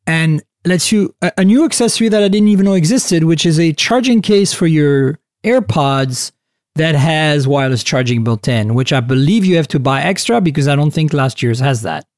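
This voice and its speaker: A man hosting a casual tech podcast, talking in an animated, chatty way with lots of fillers and restarts. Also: a little high, dry recording, studio quality. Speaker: podcast host.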